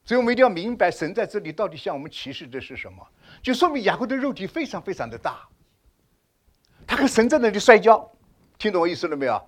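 Animated high-pitched male preacher. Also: fast talker. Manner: animated, rhetorical questions to the congregation; swings between loud exclamations and hushed asides. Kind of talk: sermon.

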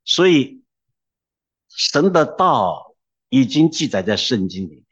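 A man's voice: mid-range voice, sing-song, takes it slowly, a bit bright, breathy edge, highs cut off. A man preaching a sermon, emphatic and exhorting, who drops into humorous storytelling.

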